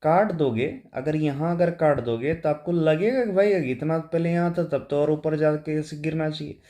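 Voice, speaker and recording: A man teaches board-exam physics. He solves one objective question after another and keeps asking if it is clear. He mixes English terms into his explanations. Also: on the high side, normal speed, dark tone. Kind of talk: exam-prep lecture solving objective questions.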